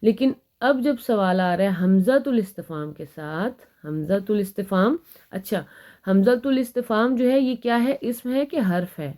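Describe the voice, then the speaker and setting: A woman's voice: medium pitch, a little mellow. Patient woman teaching Arabic grammar. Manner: patient explaining, reads Arabic examples slowly then translates. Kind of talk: Urdu-language Arabic grammar lesson.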